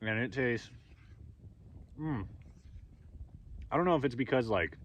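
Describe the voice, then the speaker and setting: A young man casually narrating a camping vlog outdoors, rambling and relaxed as he eats. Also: mid-range voice, unhurried. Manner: relaxed, rambling, talks while eating. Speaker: camping vlogger. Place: outdoors at a mountain campsite.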